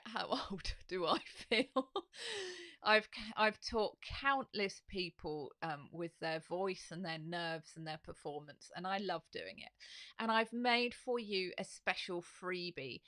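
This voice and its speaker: A middle-aged woman, a voice coach, teaching in a lively, demonstrative way with frequent laughs, on a studio microphone at home. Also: medium pitch. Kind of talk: instructional live video. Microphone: studio microphone on a stand.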